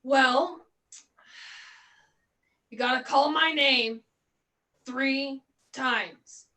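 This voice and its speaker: Casting: woman doing a high, bright, slow clown voice, goofy and teasing, muffled lo-fi sound. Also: heavily acted.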